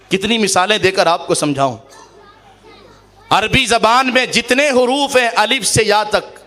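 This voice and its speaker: A man preaching a sermon to a gathering, impassioned, swinging between loud emphatic shouts and low earnest tones, and slowly reciting Arabic verses. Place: mosque or madrasa gathering.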